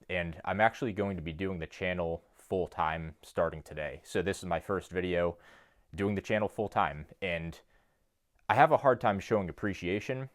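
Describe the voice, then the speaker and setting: A young man speaks earnestly to his phone camera from a home basement gym. His voice sits very low, and his delivery is a steady monotone. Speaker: fitness YouTuber and coach. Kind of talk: casual talk to camera.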